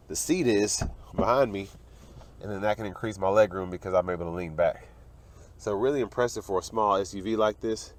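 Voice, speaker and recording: A young man, getting over a cold, casually walking around a car and pointing out its features. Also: on the low side. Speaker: car reviewer. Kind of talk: walkaround car review narration. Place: in and around a parked car outdoors.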